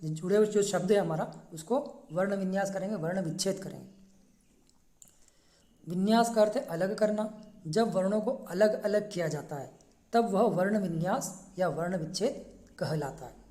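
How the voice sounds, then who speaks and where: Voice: mid-range voice, mellow, reverberant. A teacher giving a classroom lesson, patiently breaking words into single letters and sounds. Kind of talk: classroom lesson, spelling out syllables.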